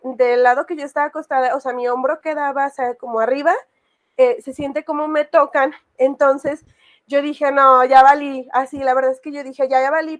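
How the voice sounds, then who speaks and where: A woman casually telling a personal horror story, rambling with many fillers. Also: high-pitched. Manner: rambling, full of fillers and restarts.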